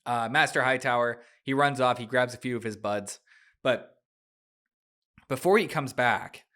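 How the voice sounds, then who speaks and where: A man's voice: medium pitch, unhurried, pushed and bright. Chatty male podcast host with a dry throat. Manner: laughs often, chatty and loose, with filler words. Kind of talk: casual book discussion podcast.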